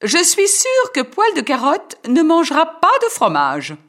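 A man's voice: extremely high pitch, wildly swooping pitch, unhurried, fairly bright tone, voice pushed up, exaggerated voice. A man voicing a stern, cold mother who gives curt orders to her children. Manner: curt, bossy.

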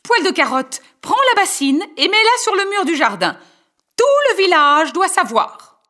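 A man voicing a harsh, scolding mother in a storybook reading, shrill and theatrical. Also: sing-song, moderate pace, bright, forceful tone, full character voice.

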